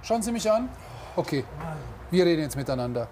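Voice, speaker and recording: A man's voice: on the high side, big pitch swings, a little fast, a little mellow. A man playing a firm, questioning police officer in a reality drama. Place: greenhouse garden centre. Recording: noisy location sound.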